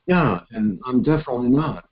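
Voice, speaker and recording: A man hosting a casual call-in chat, sounding like he is on a speakerphone, halting with fillers. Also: medium pitch, expressive, muffled recording, crowd noise. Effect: sounds like a speakerphone with echo. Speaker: call-in show host.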